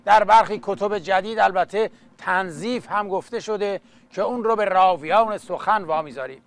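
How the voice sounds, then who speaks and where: A man performing as an epic teahouse storyteller, declaiming satirical rhymed verse in a theatrical, mocking way with spoken asides. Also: high voice. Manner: mocking, mock-heroic.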